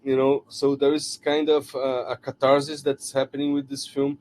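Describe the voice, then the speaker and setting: A man's voice: mid-range voice, monotone, moderate pace, a little mellow, a little hiss or hum. A man from Brazil with a Brazilian Portuguese accent, a film director speaking English as a second language in an interview, often restarting and searching for words. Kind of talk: interview answers.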